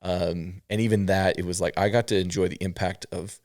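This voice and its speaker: A man's voice: sits low, fairly even intonation, fairly quick, darkish tone, no echo, studio quality. A man hosting a casual interview podcast, talking and reading aloud as the host.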